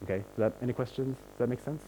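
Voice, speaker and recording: A man's voice: mid-range voice, rapid-fire, dark tone, a little hiss or hum. Man lecturing in an echoing hall. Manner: explains patiently, checks in often with "right?" and "okay?". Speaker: linguistics lecturer. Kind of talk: university lecture. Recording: long hall reverb.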